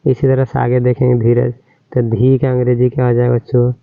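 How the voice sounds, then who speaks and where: A man with a mid-range, monotone voice and vocal fry teaches children to spell names in a slow, spelled-out lesson, drawing out each syllable and often checking they understood. He talks a little fast, and the recording has no room sound but a tinny, phone-like quality.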